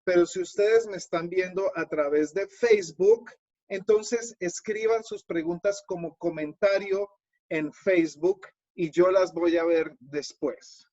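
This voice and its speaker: A man presenting a live webinar over a video call. He talks slowly in a slightly high voice and explains each point patiently to his viewers. The audio is dull and lo-fi. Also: darkish tone. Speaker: webinar host and Spanish teacher.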